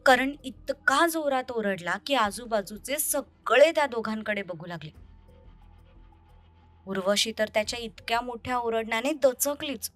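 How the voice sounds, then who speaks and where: A woman narrating a romantic audio story in a steady, descriptive way, over soft music. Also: on the high side, a little slow. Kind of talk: scripted narration.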